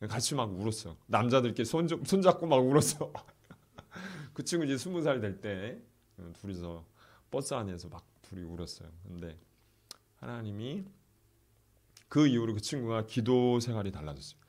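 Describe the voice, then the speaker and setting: A middle-aged pastor telling a story in a sermon, softly acting out the prayers of the people in it. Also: male voice, mid-range voice, expressive, moderate pace. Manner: soft-spoken, acts out quoted prayers, laughs often.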